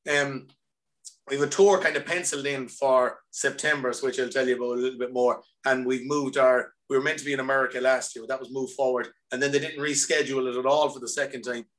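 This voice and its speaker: On a remote video call, a musician guest from County Mayo in the west of Ireland chats casually, upbeat and rambling, in his local accent. His mid-range voice keeps a steady tone, moving fast with a fairly bright quality.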